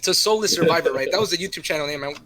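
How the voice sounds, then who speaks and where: Bright-voiced young guy rambling, swearing. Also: on the high side, rapid-fire. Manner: rambling, swears a lot, keeps adding "right?". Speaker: podcast co-host. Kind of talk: casual chat.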